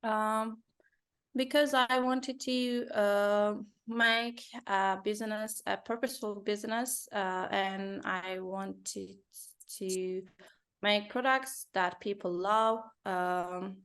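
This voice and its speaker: Woman talking slow in an interview, lots of ums, smooth clear voice. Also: medium pitch, steady tone, a bit bright. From Turkey. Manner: hesitant, many fillers, slow careful English. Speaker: company founder, industrial designer. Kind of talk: business interview.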